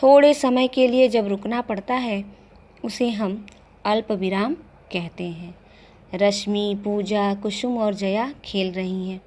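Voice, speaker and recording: A woman schoolteacher giving a recorded Hindi grammar lesson to young children, speaking slowly and patiently and asking them simple questions. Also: medium pitch, fairly even intonation, darkish tone. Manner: slow, patient, addressing children directly with questions. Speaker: primary school teacher.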